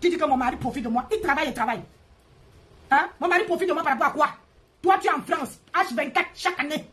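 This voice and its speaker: High-voiced woman in a mocking rant. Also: fast, a bit bright. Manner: mocking, repetitive, confrontational. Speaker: live stream host. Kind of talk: heated live-stream rant.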